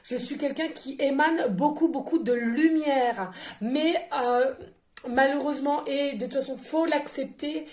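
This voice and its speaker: A woman medium with a high, slightly mellow voice reads oracle cards for her audience at a measured pace. She speaks casually and effusively, repeating things and using many fillers; the room is echoey with faint noise.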